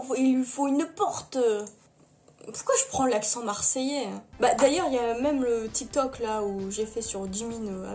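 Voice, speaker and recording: A woman's voice: a little high, darkish tone. A woman from western France giving casual, giggly, playful commentary on her own short clips as a vlogger. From western France (Poitou-Charentes).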